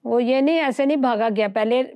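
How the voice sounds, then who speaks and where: A woman with a fairly high voice teaches from scripture in an earnest, conversational way. She presses her points with rhetorical questions. The sound is dry and close. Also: warm tone, dry recording. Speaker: Bible teacher.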